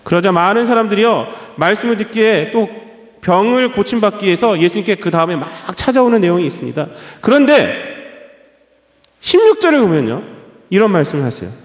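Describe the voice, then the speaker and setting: Man, pastor, preaching, high animated pitch, rhetorical questions, echoey church. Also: fairly quick. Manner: emphatic preaching with rhetorical questions and repeated phrases. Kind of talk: sermon. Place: church sanctuary.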